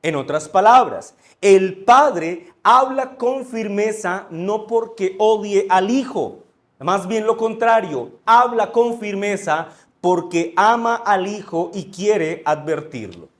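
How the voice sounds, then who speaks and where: A man preaching a sermon in an earnest, measured way, reading scripture and then explaining it. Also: sits high. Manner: earnest, measured preaching, corrects himself when misreading. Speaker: pastor.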